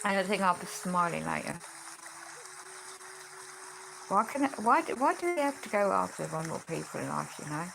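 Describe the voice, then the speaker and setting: Congested and losing her voice, a vlogger chats and rambles at home while a friend films on a phone, sighing and adding tag questions. Her fairly low, gravelly voice swings widely in pitch at a quick pace, over background noise.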